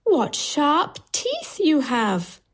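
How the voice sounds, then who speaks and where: A sweet, innocent little storybook girl, acted by a woman. Her voice is pitched high and swings in a polite, wide-eyed sing-song, trusting every word. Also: huge pitch swings, drawn-out words, full character voice. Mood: amazed.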